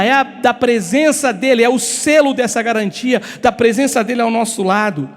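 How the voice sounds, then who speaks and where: A man with a Brazilian Portuguese accent preaching a passionate sermon as pastor, repeating phrases and rising to shouts. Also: very high-pitched. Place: church hall. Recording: long hall reverb.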